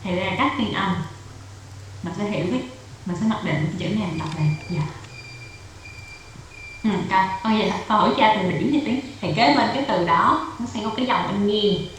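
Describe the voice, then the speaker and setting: A woman tutor with a Vietnamese accent teaches a child English on a video call, repeating words and explaining each point patiently. Her voice sits mid-pitch. The call sounds very echoey, with faint hiss behind. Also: a bit bright. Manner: patient, repeats and explains step by step, code-switches with English drills. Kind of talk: online English lesson for a child. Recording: echoey room, faint noise.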